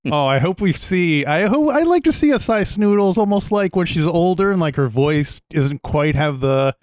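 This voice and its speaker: A man's voice: high voice, animated, moderate pace, a little mellow, no echo. A man hosting a casual movie podcast, talking playfully and now and then putting on mock-classy pronunciation. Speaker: podcast host.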